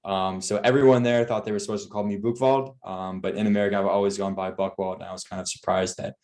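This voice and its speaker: A modest young man in his twenties is a guest on a podcast. He talks quickly in a fairly low voice, easygoing and unassuming. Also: little pitch movement, a little mellow. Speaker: guest software engineer. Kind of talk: casual interview.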